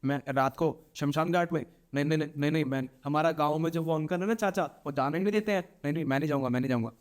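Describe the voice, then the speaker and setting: A man's voice: a little high, quick pace, natural voice. A man playing a frightened young village farmer who pleads and stammers. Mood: scared.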